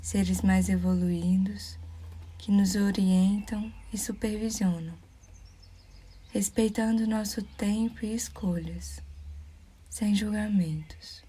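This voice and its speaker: Soothing and calm, this guided meditation is led by a Brazilian woman whose mid-range voice drops to a soft, breathy near-whisper between measured pauses.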